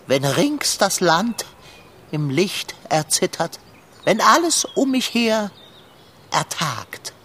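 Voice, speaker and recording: An actor playing a pompous, sentimental male tomcat poet who speaks grandly and theatrically and is quick to tears, in a children's radio play. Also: sits high, fairly bright tone, slight background noise, full character voice.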